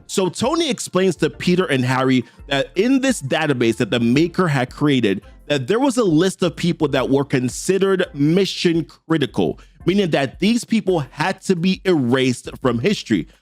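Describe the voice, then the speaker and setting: A young Jamaican-accented man hosts a comic book channel, recapping a comic story in a chatty, slangy way and firing off character lines as quick quotes. His voice is fairly high, and the recording has no echo.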